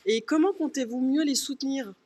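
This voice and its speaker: Higher-voiced woman hosting a talk show. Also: a little fast, darkish tone. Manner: formal, questioning. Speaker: host. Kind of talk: political discussion show.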